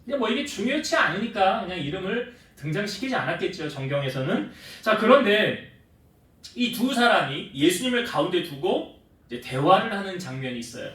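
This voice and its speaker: A man's voice: high-pitched, sing-song, normal speed, fairly bright tone, heavy reverb, recorded from a distance. A male pastor preaching a sermon in a church, talking conversationally and putting questions to the congregation. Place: church sanctuary.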